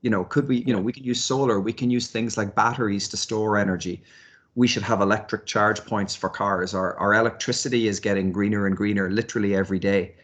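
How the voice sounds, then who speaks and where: Thoughtful of man, lowish voice. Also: fairly even intonation, a little fast, fairly bright tone. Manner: thoughtful, hesitant, repeats words as he forms ideas. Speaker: university lecturer and researcher, interviewee. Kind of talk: conversational interview answers.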